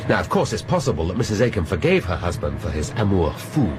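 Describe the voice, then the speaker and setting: Inspector Morse, a sardonic, clever police inspector in a radio play. His voice sits very low and his delivery is dry and measured. A noisy background runs under the recording. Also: big pitch swings. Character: sharp, sardonic older male police inspector. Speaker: detective inspector. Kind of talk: radio drama acting. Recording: radio drama with background noise.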